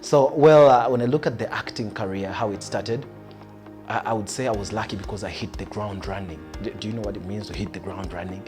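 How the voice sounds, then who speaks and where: A man's voice: lowish voice, fairly quick, over music. Easygoing young man. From Tanzania, raised in Uganda. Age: young adult. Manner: easygoing, rambling, frequent "well" and "man". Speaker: guest, actor. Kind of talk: relaxed self-introduction and interview.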